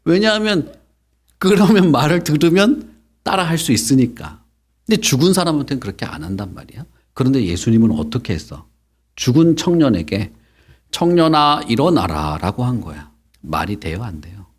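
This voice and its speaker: A middle-aged man preaching to children at Sunday school, telling the story with lively questions and acted-out lines. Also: medium pitch, fairly quick, husky. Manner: animated, acts out quotes, asks children questions. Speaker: pastor teaching Sunday school.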